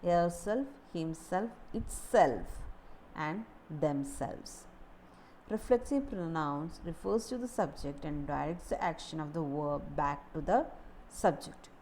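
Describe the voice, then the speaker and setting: Slow-speaking woman teaching grammar. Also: low voice, expressive, a little mellow, a little hiss or hum, poor audio. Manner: deliberate, repeats key words, occasional restarts. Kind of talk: slow grammar lesson explanation.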